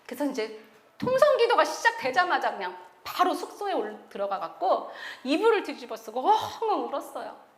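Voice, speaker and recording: A woman missionary with a high voice shares her testimony at a church meeting at normal speed, in a reverberant space. She tells the story animatedly, acting out her past self in quoted scenes and laughing as she goes.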